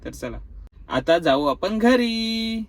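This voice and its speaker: A man's voice: sits high, very animated, takes it slowly. A man filming a family vlog at home, coaxing and teasing a small child in casual talk. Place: home indoors.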